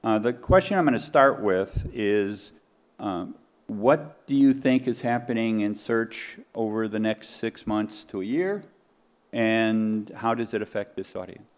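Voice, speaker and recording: Low-pitched man moderating a conference panel. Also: lively intonation, a little slow. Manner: plain, instructive, puts questions to the panel. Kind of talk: conference keynote panel talk. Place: conference hall stage, in front of an audience.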